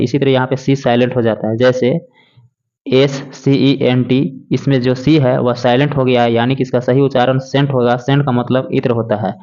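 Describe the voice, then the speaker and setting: A man teaching a lesson, slowly and patiently spelling out words letter by letter. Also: medium pitch, darkish tone. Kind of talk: classroom lesson explaining English words in Hindi. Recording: dull lo-fi recording.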